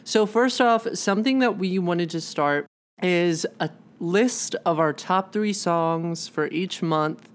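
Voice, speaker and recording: A woman's voice: on the low side, slow pace. A young woman co-hosting a podcast in casual chat, full of "like" fillers and quoted asides. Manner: chatty, lots of "like" fillers, animated quoting. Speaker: podcast co-host.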